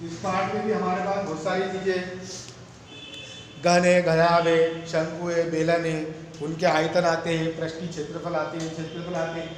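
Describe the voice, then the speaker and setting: A man's voice: fairly high pitch, monotone, moderate pace, slight background noise. A male math teacher giving a classroom lecture, asking the students questions and answering them himself. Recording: very echoey room with long reverb.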